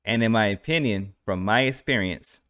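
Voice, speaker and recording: Low-voiced man hosting a podcast. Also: normal speed, fairly bright tone, no echo, studio quality. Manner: conversational, repeats "right?" to the listener. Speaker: podcast host. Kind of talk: solo podcast commentary.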